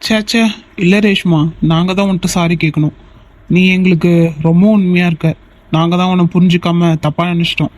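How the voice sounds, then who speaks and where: A man's voice: high voice, steady tone, a little fast, a little mellow, natural voice. A man voicing a caring young man in a cartoon, reassuring a friend and urgently asking for help. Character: caring young man, older brother figure. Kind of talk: cartoon voice acting. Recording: dull lo-fi recording.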